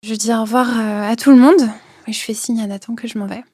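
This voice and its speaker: A woman's voice: fairly high pitch, fairly even intonation, fast, a little mellow, no room sound, studio quality. A young woman recounting a personal experience, hesitant, with many fillers and repeated words, sometimes dropping to a near whisper. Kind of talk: personal testimony.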